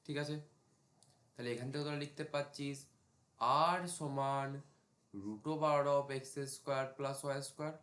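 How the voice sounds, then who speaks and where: A man, tutoring a math class and walking his students through each step at the board. His voice sits at an ordinary middle pitch, and the small classroom around him sounds echoey. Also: moderate pace, fairly bright tone. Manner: talks students through steps while writing, asks them checking questions. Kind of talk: casual classroom lecture.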